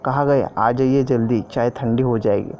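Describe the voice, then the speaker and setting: A busy young wife, fond but worn out, coaxing and pleading in a mellow, dark-toned voice, as a man reads her lines in a spoken story. The sound is dull and lo-fi, with faint noise underneath. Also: medium pitch, steady tone, normal speed, close to an everyday voice.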